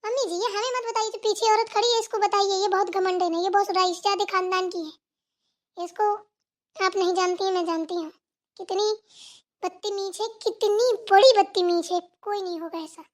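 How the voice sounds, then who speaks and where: A woman voicing a rich, arrogant young daughter-in-law in a cartoon, talking in a sharp, mocking way. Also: very high-pitched, steady tone, moderate pace. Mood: haughty. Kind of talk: cartoon voice acting.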